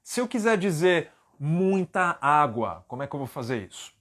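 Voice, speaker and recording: This is a man from Brazil giving an English lesson, his voice rising and falling with lively melody. He explains step by step and slows right down to repeat example words. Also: on the high side. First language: Portuguese. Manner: slow, drawn-out model pronunciations. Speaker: English teacher.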